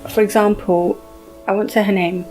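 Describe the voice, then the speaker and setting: A woman's voice: mid-range voice, flat delivery, normal speed, warm tone, soft background music. A middle-aged woman scholar and mediator, born in Saudi Arabia and raised in Kenya and London, answering interview questions in an earnest, emphatic way and repeating points for stress.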